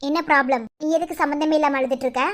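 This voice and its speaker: A woman's voice: high-pitched, steady tone, racing, lightly acted. A woman voicing a stern elder sister in a cartoon, lecturing insistently in a Madurai Tamil accent. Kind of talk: cartoon voice acting.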